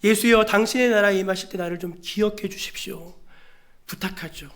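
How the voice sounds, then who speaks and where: A man voicing a humble repentant thief who pleads quietly and earnestly from a cross. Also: high-pitched, a little fast. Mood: pleading.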